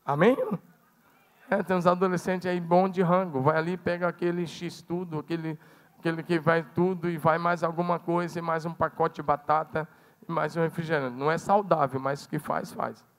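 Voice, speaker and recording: A Brazilian Portuguese-speaking man preaching a sermon as pastor, swinging dramatically between loud calls and hushed, low passages. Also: flat delivery, normal speed. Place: church sanctuary. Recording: long church hall reverb.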